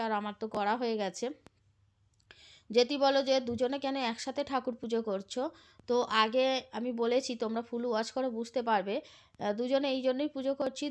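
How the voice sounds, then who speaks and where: A woman chatting to her viewers in a casual family vlog, a little hoarse from a cold. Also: a little high. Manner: chatty, addresses viewers as friends. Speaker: family vlogger.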